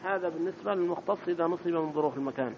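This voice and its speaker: A man giving a grammar lesson in a mosque, repeating key terms and quizzing his listeners with short questions. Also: rapid-fire. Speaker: teacher of Arabic grammar. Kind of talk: classroom lecture explaining grammar. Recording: dull lo-fi recording with faint rumble.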